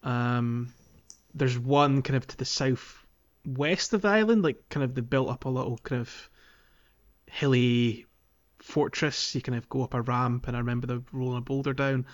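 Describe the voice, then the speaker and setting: A podcast co-host with a mid-range voice talks at normal speed about a video game, explaining things loosely and informally. He hedges a lot, leaning on "kind of" and "like." The recording sounds muffled.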